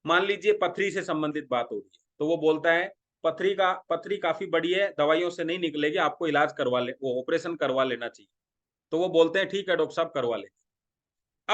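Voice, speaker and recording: A man's voice: a little high, fairly bright tone. A middle-aged man from India giving a sales training talk, who acts out dialogues and keeps asking his listeners questions. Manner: talks through role-played dialogues, asking the audience questions. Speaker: direct selling trainer.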